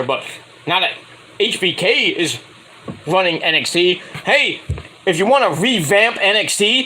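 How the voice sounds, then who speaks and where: Sounding high-pitched, bright, forceful, and slightly rough over poor audio, a man gives a casual solo recap of a wrestling show. He rambles, backtracks, and throws in sarcastic comments, all while coming down with a cold that's taking his voice.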